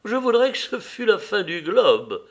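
A man voicing a melancholy young gentleman who speaks in a sighing, world-weary way. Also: high voice, very animated, unhurried, voice pushed up, exaggerated voice.

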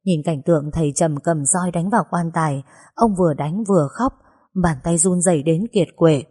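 Husky-voiced woman narrating a sad story. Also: lowish voice, dark tone. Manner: sorrowful, measured storytelling. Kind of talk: first-person story reading.

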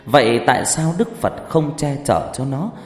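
A man's voice: medium pitch, lively intonation, normal speed, voice pushed up, close to an everyday voice. A man voicing a terrified young woman who pleads and stammers. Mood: panicked pleading. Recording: reverberant hall with background music.

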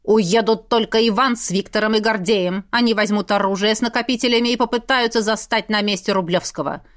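A woman's voice: mid-range voice, a little fast, close to an everyday voice. A woman voicing a stern aristocratic father in an audiobook, giving curt, clipped orders. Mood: cold, resolute. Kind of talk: audiobook character reading.

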